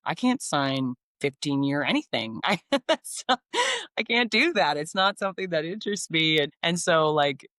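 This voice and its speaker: A woman's voice: deep voice, animated, normal speed, fairly bright tone, no room sound, studio quality. A woman in her forties from Canada, a singer-songwriter talking in a casual interview, upbeat and enthusiastic with frequent ums and restarts. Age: 40s.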